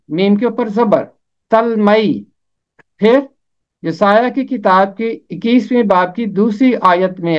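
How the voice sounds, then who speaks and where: A man teaching a pronunciation lesson, slowly spelling out vowel marks and repeating each name. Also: high-pitched, clean tone. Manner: slow, careful spelling out of diacritics and repeated names. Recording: dull lo-fi recording.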